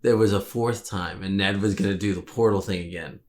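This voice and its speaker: A man with a somewhat low voice chats about a movie with his co-host. He is hesitant, often stopping to correct himself mid-thought. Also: steady tone, brisk, noisy background. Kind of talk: casual film review chat.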